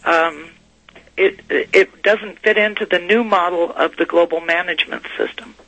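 A woman's voice: on the low side, steady tone, normal speed, fairly bright tone, no echo, low-quality recording. A woman giving conversational political commentary as a guest, explaining hesitantly and checking in as she goes. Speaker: talk show guest commentator.

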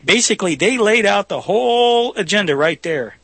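A man's voice: sits high, lively intonation, normal speed, fairly bright tone, husky, no echo. A man hosting a talk show in a casual, folksy, discursive way.

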